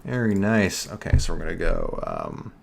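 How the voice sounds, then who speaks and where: Low and gravelly, with pitch that swoops wildly, a young man with a New York accent speaks at normal speed over a little hiss or hum. He's running a casual live screen-share tutorial on building an online store, talking to chat and correcting himself along the way.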